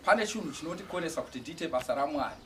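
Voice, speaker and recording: Halting, emotional preacher man heard from afar. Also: a little high, lively intonation. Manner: halting, restarts words, emotional. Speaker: evangelist giving testimony. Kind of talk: church testimony. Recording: distant mic with faint outdoor noise.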